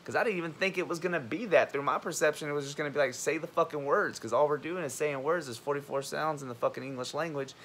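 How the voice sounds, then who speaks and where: A man's voice: a little high, fast, few pauses, slight background noise. A young man, a college student and army veteran, ranting bluntly and profanely in a heated vlog monologue. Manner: animated, acts out others' lines.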